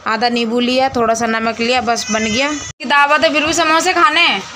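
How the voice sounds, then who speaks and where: A woman's voice: fairly high pitch, steady tone, normal speed, background noise. A woman vlogging casually at home, teasing a little child in a playful, chatty way, with an Agra Hindi accent. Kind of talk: casual home vlog chat.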